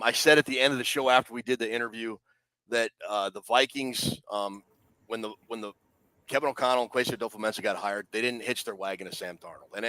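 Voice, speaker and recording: A man's voice: mid-range voice, sharp tone, smooth, no echo. A man co-hosting a casual sports talk show, leading the discussion and teasing his co-hosts with questions. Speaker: podcast co-host.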